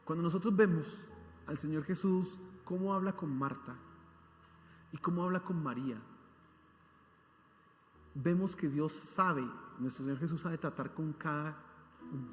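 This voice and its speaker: A man's voice: on the high side, measured pace, long pauses. A man preaching a sermon as pastor, speaking emphatically and putting rhetorical questions to his congregation. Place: church. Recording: echoey hall with faint music.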